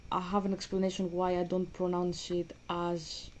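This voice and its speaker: A woman's voice: fairly low pitch, completely flat delivery, moderate pace, a little mellow, a little hiss or hum. A woman with a Greek accent chatting casually as she plays a game, rambling and restarting her sentences. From Greece. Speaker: vlogger. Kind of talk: casual gaming commentary.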